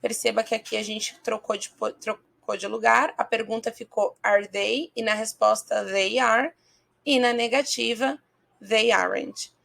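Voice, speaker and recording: A woman with a Brazilian Portuguese accent gives a patient English lesson on video. Her voice sits a little high with a noticeable gravelly fry. She keeps checking in with her viewers and slows down to model each phrase. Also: steady tone, a bit bright. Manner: patient, checks in often with listeners. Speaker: English teacher.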